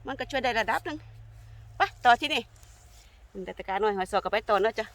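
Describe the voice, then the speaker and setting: Older Isan-accented Thai woman, vlogger, fairly high voice, chatty and friendly with viewers, recorded outdoors in woods. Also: fast. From Thailand. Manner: chatty, warmly addresses viewers as kin, sweet polite endings. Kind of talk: casual narrating vlog while foraging. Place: forest outdoors.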